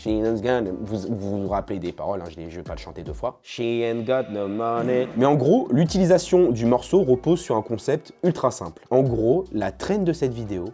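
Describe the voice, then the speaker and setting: A man's voice: medium pitch, expressive, brisk, few pauses, dark tone, soft background music. A young man from France talking in a casual, slangy, jokey vlog style. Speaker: YouTuber.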